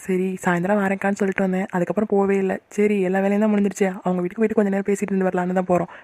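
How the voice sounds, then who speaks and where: A woman voicing a quick-tempered cartoon wife. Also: medium pitch, flat delivery, no echo, clean studio sound, lightly acted. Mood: calm. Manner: huffy, sharp-tongued. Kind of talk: cartoon voice acting.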